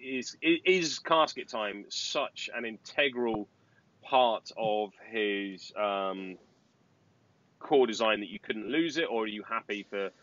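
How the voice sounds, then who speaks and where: A man's voice: on the low side, slow pace, fairly bright tone, highs cut off. A man hosting a casual podcast, joking and laughing with his guests. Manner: jokey, laughs often, hesitant restarts. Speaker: podcast host.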